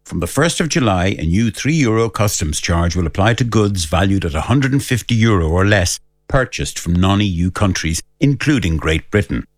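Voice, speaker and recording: A man's voice: sits low, expressive, moderate pace, no room sound, studio quality. A man reading a scripted public information advert as a voice-over.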